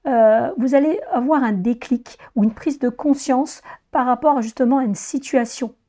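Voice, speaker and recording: Hoarse, mellow woman reading tarot. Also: high voice, moderate pace. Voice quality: hoarse, strained voice. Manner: addresses viewers directly, explanatory. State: hoarse, voice weakened by laryngitis after flu. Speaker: tarot reader presenting a monthly horoscope reading. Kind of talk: informal spoken tarot reading to viewers.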